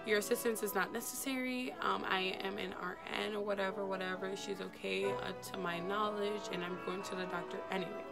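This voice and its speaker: A woman's voice: medium pitch, steady tone, a little fast, vocal fry, hardly any pauses, music in the background, lightly acted. A woman voicing her no-nonsense mother, a nurse, in a dismissive, matter-of-fact tone.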